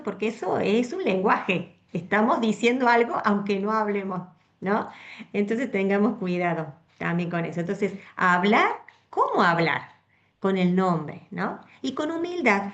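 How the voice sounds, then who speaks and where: A woman with a Rioplatense Spanish accent giving a conversational, expressive Bible talk to a women's meeting, often checking in with her listeners. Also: fairly high pitch, dull audio. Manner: conversational, frequent tag questions, expressive. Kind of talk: Bible teaching to a women's group.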